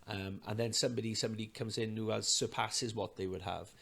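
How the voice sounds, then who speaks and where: A man, a clinic owner, talking earnestly as a podcast guest, with halting speech full of fillers and restarts. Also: fairly low pitch, steady tone, gravelly, fairly bright tone. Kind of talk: casual conversation.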